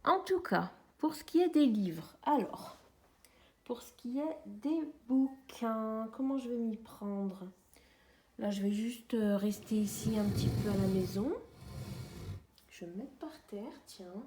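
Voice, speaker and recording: A woman's voice: fairly high pitch, lively intonation, a little slow, a little mellow. A woman in her forties chatting casually to the camera at home while sorting things, calling her viewers friends. She is on a tripod, with the mic on the far side of her. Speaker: vlogger. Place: at home, sitting on the floor.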